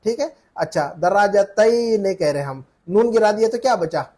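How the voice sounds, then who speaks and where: A man teaching Arabic grammar in a one-on-one lesson, explaining slowly and repeatedly asking his student questions. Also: sits high, expressive, mellow. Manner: patient, repeats and quizzes the student.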